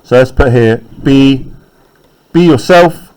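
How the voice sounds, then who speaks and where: A man teaching a poetry class in a classroom, chatty and explanatory. He keeps checking in with his students as he goes, in a mid-pitched voice. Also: slow, darkish tone, clear, resonant tone, rough recording. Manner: conversational, frequent tag questions.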